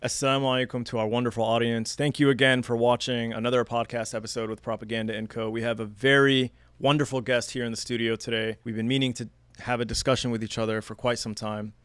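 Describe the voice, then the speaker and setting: A man hosts a podcast in a studio, talking in a measured, earnest way. His voice sits at an ordinary pitch for a man. The sound is dry and close, with no room echo. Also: level tone, a bit bright, smooth. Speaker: podcast host. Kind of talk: podcast interview, read-out intro.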